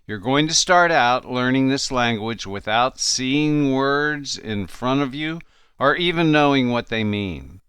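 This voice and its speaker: Smooth-voiced male course narrator. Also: mid-range voice, expressive, unhurried, a bit bright, no room sound. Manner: encouraging, reassuring instructor. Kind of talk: scripted narration.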